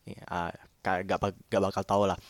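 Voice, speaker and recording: A man's voice: low-pitched, level tone, moderate pace, no room sound. A young man telling a horror story in casual chat, rambling and repeating himself.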